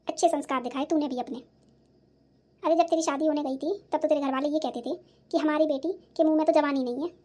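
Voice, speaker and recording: A woman's voice: high voice, a little mellow, lightly acted. A woman voicing a nagging, self-pitying old mother-in-law in a cartoon, scolding sarcastically. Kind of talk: cartoon voice acting.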